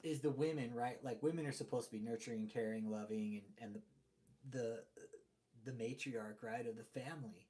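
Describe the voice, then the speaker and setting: A man's voice: mid-range voice, normal speed. A blunt, profane man hosting a live stream, his voice hollow and distant as if through a tube from a loose mic. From Texas. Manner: blunt, profane, greets chat viewers by name. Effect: sounds like he is talking through a tube, quiet and far off. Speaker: livestream host. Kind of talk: casual live stream commentary. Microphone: desk mic with a loose plug.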